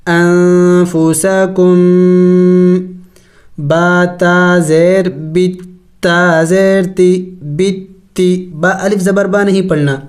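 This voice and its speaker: A man teaching Quran recitation, spelling out letters and vowels slowly, chanting the words drawn out, then explaining the rules in quick asides. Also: high-pitched, fairly even intonation, soft background music. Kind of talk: slow spelled-out tajweed lesson.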